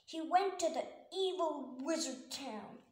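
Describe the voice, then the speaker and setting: A woman's voice: high-pitched, animated, takes it slowly, a little mellow. A woman doing a pleading young princess. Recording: echoey room.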